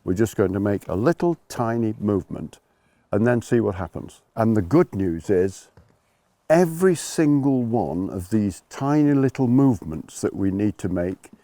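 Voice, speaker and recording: A man's voice: fairly low pitch, lively intonation, a little slow, mellow, no echo. A man working as a ski instructor, explaining things informally to learners in an emphatic way, rephrasing and repeating his points.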